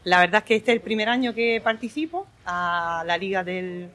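A woman's voice: mid-range voice, fairly even intonation, normal speed, a bit bright. A woman from Italy with an Italian accent, a tennis league player answering interview questions in a cheerful, chatty way. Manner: cheerful, chatty, laughs often.

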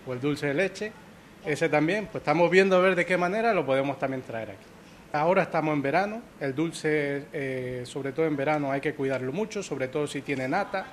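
A man's voice: on the high side, a little fast, slight background noise. A man from Ecuador who manages a pastry shop, answering interview questions in a hesitant way, repeating words and checking in with "¿vale?".

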